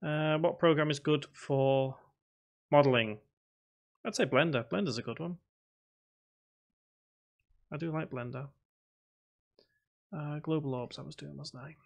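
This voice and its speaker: On a relaxed live stream, a man with a higher, creaky voice codes at a measured pace, pausing often as he thinks aloud. He reads viewers' chat questions out loud, mutters to himself as he types, and describes his voice as boring.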